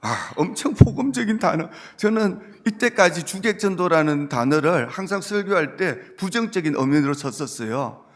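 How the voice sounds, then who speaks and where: A man's voice: a little high, lively intonation, moderate pace, few pauses. A male pastor, preaching a sermon earnestly and rising to emphatic points. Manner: earnest preaching, quoting Jesus gently, building to emphatic points.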